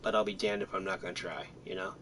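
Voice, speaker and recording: Talking fast in a low-pitched, fairly bright voice, this gaming streamer keeps up casual, self-deprecating, rambling commentary as he plays. A little background noise can be heard.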